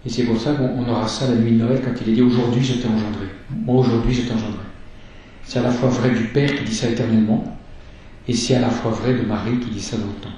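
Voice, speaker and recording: A man giving a sermon, teaching in a slow, measured way and reading scripture aloud. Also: medium pitch, dark tone, a little hiss or hum. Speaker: preacher. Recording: echoey church from far off.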